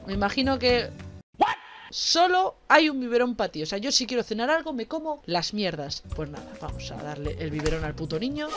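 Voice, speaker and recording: A young woman talks through a horror game in a fairly high voice. She jokes, swears freely and yelps when startled. Faint game music plays underneath. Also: very animated, fairly quick. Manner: swearing, jokey, exclaims loudly in fright. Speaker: gaming streamer. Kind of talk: casual horror game commentary.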